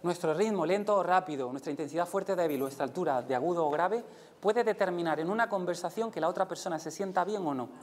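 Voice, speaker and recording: A male conference speaker with a Spain Spanish accent talks to a live audience in a lecture room. He is animated and demonstrative, pitching his voice up and down to act out emotions as he teaches. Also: fast. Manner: lively, demonstrates voices with big pitch jumps.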